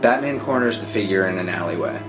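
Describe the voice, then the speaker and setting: Fast and with lively intonation, a low-voiced man reads screenplay stage directions as narration. An echoey room carries his voice over background film-score music.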